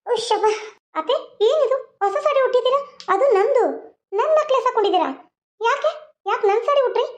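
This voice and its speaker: A woman's voice: very high voice, lively intonation, fairly quick, pitched above the performer's own voice. A woman voicing an indignant young daughter-in-law in a cartoon, scolding. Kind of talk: cartoon voice acting.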